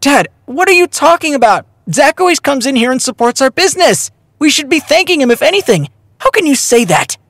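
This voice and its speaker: A man voicing a sweet young woman who works in her father's snack shop, bright and quick to scold. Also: very high-pitched, little pitch movement, no room sound, studio quality, pitched above the performer's own voice. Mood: indignant. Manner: bright, scolding when crossed.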